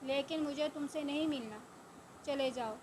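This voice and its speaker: Brief: a woman doing a stubborn young woman in a storybook reading, sharp and scornful, high voice. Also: background noise, natural voice. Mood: defiant.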